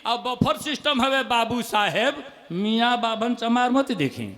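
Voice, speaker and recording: A man with a Bhojpuri accent performing as a comic poet on stage, joking with the crowd and reciting his verses slowly. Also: extremely high pitch, expressive, fairly bright tone, in a large hall. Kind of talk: humorous stage poetry recital.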